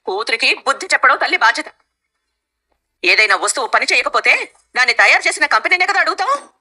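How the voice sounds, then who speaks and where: A woman's voice: high voice, very animated, brisk, pushed and bright, exaggerated voice, low-quality recording. An actress playing a scheming, sarcastic middle-aged mother-in-law in a TV serial. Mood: complaining. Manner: sarcastic, scornful. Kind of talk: TV serial acting.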